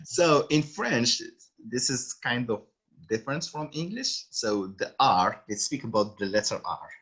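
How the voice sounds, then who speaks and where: A man from Morocco with a Moroccan accent tutoring French over a video call, patiently repeating words slowly. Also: mid-range voice, lively intonation, a bit bright, breathy edge. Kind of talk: online one-on-one language lesson.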